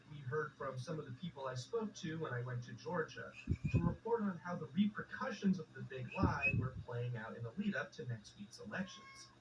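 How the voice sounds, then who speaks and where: A man's voice: fairly high pitch, distant mic, lo-fi sound, background noise. Man narrating a radio news story. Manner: measured, clear storytelling delivery. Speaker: radio reporter and co-host. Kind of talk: scripted public radio narration.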